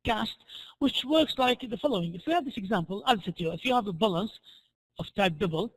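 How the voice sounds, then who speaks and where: A man lecturing through worked examples in a hoarse, worn-out voice, halting and often repeating and restarting his phrases. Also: high voice, expressive, fairly bright tone, rough recording. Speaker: programming lecturer.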